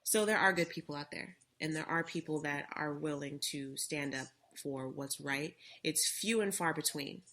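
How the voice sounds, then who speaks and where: Woman, low voice, bright tone, earnest, storytelling, casual talk. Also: normal speed, few pauses. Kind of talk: casual talk show discussion.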